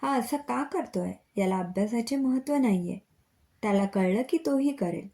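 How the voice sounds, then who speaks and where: A woman's voice: a little high, animated, moderate pace, vocal fry, warm tone. Woman reading as caring young student. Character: young female college student, hurried and caring.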